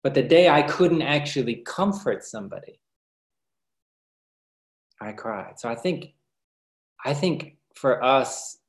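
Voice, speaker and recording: Gentle man giving an echoey spiritual talk. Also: on the low side. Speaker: spiritual workshop speaker. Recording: roomy echoey sound.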